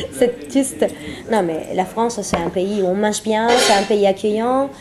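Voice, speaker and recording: Over a noisy crowd, a woman talks at a measured pace in a medium-pitched voice. She's a Venezuelan singer-songwriter and interview guest who speaks French as a second language with a Spanish accent, keeping the exchange casual and playful and often repeating herself for emphasis.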